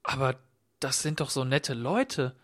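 A man's voice: mid-range voice, animated, unhurried, a bit bright. A man voicing a puzzled host who keeps asking startled questions. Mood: astonished. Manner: astonished, fussing questions. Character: puzzled, concerned male host Michael.

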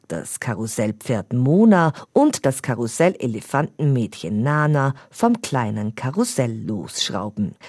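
A woman reading a children's story aloud as narrator, expressive and giving each character its own voice. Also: rumbling low, breathy edge, no room sound, clean studio sound.

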